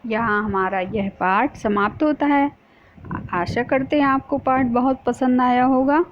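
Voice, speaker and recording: A woman's voice: sits high, fairly even intonation, unhurried. A woman teacher explaining a school lesson to young pupils, patient, often asking a question and then answering it herself. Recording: dull lo-fi sound with faint noise.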